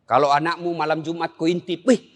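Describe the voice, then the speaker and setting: A middle-aged man with a South Sulawesi accent preaching a comic sermon, animated and joking, swinging between high and low registers. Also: fairly quick. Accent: South Sulawesi (Makassar) Indonesian. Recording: long hall reverb.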